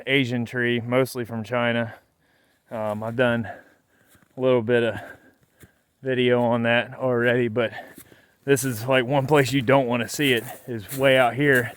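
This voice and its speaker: A man's voice: medium pitch, a bit bright, smooth, no echo. Winded man rambling on a snowy trail. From Virginia. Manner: rambling, easygoing, many fillers and restarts. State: out of breath from hiking. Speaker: vlogger hiking with his son. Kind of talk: casual hiking vlog narration. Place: snowy mountain trail outdoors.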